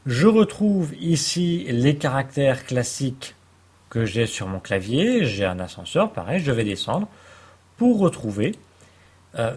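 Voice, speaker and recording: Male computer tutor, mid-pitched and a little husky, steady walkthrough narration for a screen tutorial. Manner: calm step-by-step explaining with hesitations. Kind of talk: screen-recorded software tutorial.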